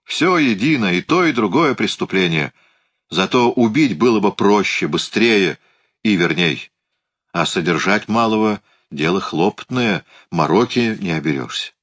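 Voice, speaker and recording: A man voicing a bold, mocking Highland swordsman in an audiobook, blunt and scornful as he bargains. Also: animated, moderate pace, fairly bright tone. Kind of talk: audiobook character reading.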